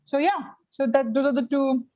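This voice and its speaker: A woman's voice: sits high, moderate pace, dark tone, highs cut off, slight background noise. A woman teaching vegan baking in a casual live online class, talking with many fillers and restarts. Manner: hesitant, many fillers and restarts, laughs often. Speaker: guest vegan baking instructor. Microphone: video call.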